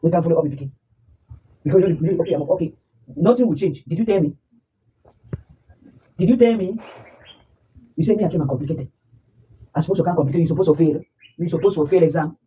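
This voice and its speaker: A woman's voice: on the low side, dark tone, distant mic, lo-fi sound, slight background noise. A woman with a Nigerian Pidgin accent, a mother scolding her child in a heated family argument. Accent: Nigerian Pidgin English. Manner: scolding, rapid and insistent.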